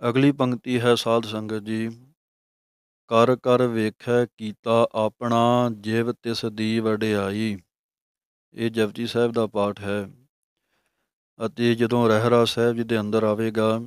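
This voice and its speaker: A man leads a scripture lesson, drawing out each verse slowly before explaining it calmly. His voice is smooth and even, with little rise and fall, and the sound is dry and close. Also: lowish voice, no echo. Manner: slow, drawn-out recitation of verses between explanations; calm, measured teaching tone. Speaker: Sikh religious teacher.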